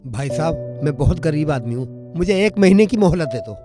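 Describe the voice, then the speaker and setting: A man's voice: on the high side, expressive, moderate pace, music in the background, close to an everyday voice. A man playing a poor debtor who meekly pleads for more time. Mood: pleading. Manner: pleading, meek. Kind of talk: comedy film acting.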